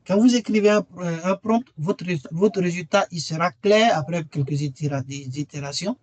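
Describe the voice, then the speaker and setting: A man's voice: high-pitched, moderate pace, a little mellow. A man presenting a webinar and earnestly persuading listeners to join his training course, repeating key phrases for emphasis. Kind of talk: webinar sales pitch.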